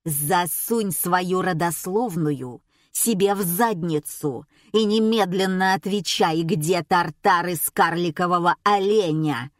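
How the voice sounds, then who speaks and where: A woman voicing a loud, crude, self-important middle-aged woman diner who talks down to everyone. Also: medium pitch, expressive, slow, no room sound, studio quality. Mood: furious. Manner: brash, crude, haughty.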